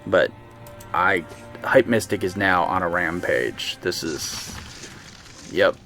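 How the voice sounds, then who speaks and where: A man streaming a game live, excitably talking to his units and chatting with viewers. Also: sits low, slow, faint music behind. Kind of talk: live let's-play commentary.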